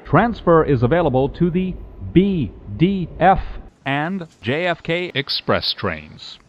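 A man's voice: on the high side, very animated, slow pace, a little hiss or hum. A man giving formal transfer and last-stop announcements over a subway train intercom. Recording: lo-fi loudspeaker sound.

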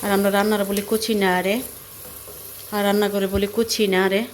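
Flat-voiced Bangladeshi woman, hoarse from a cold. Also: mid-range voice, moderate pace, a little hiss or hum. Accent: Bangladeshi Bengali. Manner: chatty, explains things step by step. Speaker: vlogger. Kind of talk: casual cooking vlog. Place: home kitchen.

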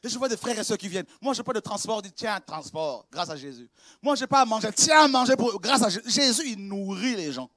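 A man preaching a sermon as pastor, swinging from quiet, conversational confiding to shouted exclamations, with laughs and repeated words. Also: high-pitched, animated, brisk, no echo.

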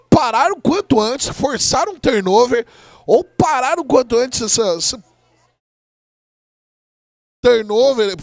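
A man's voice: very high voice, dry recording, clean studio sound. A Brazilian man giving informal, chatty live commentary on an American football game.

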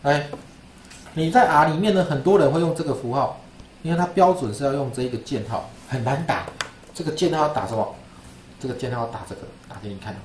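A man lectures in with a chatty, repetitive way of talking, checking in with "right?" again and again. His voice sits at an ordinary pitch and sounds roomy, with a faint hiss behind it. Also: a little fast. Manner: chatty, repeats himself, asks "right?". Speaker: statistics lecturer. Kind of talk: classroom screen-share lesson. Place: classroom.

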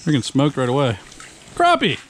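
A fishing vlogger in his thirties films his ice-fishing trip from a tent on a frozen lake, talking casually and excitedly with plenty of slang and swearing. His mid-range voice moves at a normal speed, and the handheld action camera picks up noisy outdoor audio for this casual outdoor vlog.

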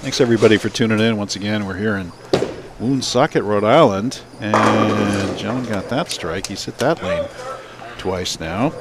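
Chatty bowling commentator, low voice. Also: male voice, moderate pace. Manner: chatty, calls shots between banter. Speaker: play-by-play commentator. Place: bowling center. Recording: live broadcast with crowd behind. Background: crowd and bowling noise.

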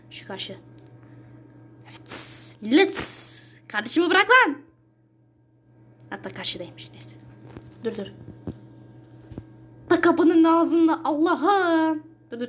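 A young woman who hosts a gaming channel casually commentates her own gameplay in a slightly high voice. Excitable, she mutters and whispers to herself, then bursts into sudden yells and shrieks whenever she is chased.

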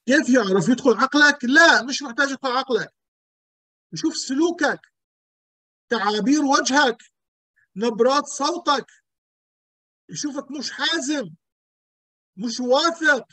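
Pastor guy preaching hard, high voice, dry close sound, keeps firing questions. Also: normal speed, pauses often, sharp tone, dry recording. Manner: emphatic, with rhetorical questions and repetition. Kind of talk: sermon teaching.

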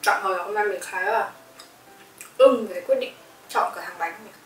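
A woman's voice: medium pitch, fairly quick, a little hiss or hum. Woman food vlogger, talks while chewing, chatty; roomy echo, a bit off-mic. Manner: chatty, addresses viewers directly. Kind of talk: casual food review. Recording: echoey room, mic at a distance, soft music behind.

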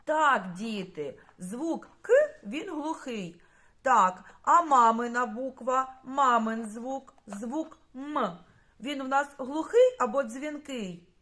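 A woman's voice: high-pitched, slow, a bit bright. A woman teaching a primary school lesson, speaking patiently and addressing the children directly.

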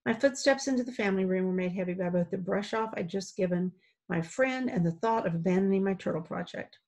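A woman reading a children's novel aloud in a plain, steady storytelling way. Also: mid-range voice, brisk. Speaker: audiobook reader.

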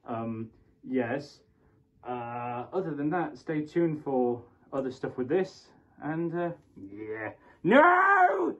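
A man's voice: mid-range voice, slow pace, mellow. A man rambling hesitantly with many fillers in a comedy skit and fursuit showcase, recorded on lo-fi audio. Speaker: fursuit video creator. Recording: lo-fi muffled recording.

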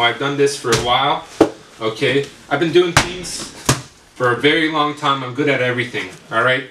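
A man playing a boastful teenage boy in an amateur comedy skit, talking loudly and bragging. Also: medium pitch, close to an everyday voice. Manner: loud, bragging delivery. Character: boastful teenage boy student, cocky and full of himself. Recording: roomy echo, distant mic, background noise.

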